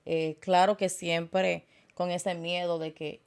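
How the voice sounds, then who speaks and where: A woman, a guest telling her story in an interview in an earnest, halting way with many fillers. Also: on the low side, little pitch movement, smooth. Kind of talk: personal testimony in interview.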